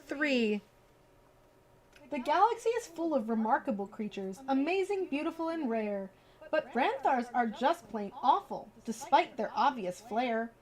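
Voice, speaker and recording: A woman with a high voice hosts a livestream, chatting casually and reading children's bedtime stories. Her pitch swings widely, and she speaks a little slowly with a slightly mellow tone, talking informally and directly to her viewers.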